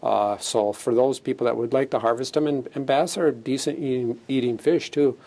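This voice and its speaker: On an indoor studio set, a middle-aged man who heads fisheries lays out the new rules in a plain, matter-of-fact way, stumbling into fillers and restarts. His voice is medium-pitched with a dark tone, recorded at a moderate pace on a lapel mic.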